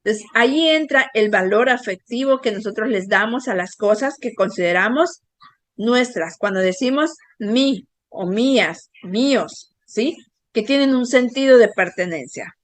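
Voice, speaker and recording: Woman speaker with a fairly high voice, dry close sound, patient explainer who keeps asking for agreement. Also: animated, a little slow, dry recording. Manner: explanatory, asks the audience for agreement; uses diminutives. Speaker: speaker giving a talk. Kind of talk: motivational talk.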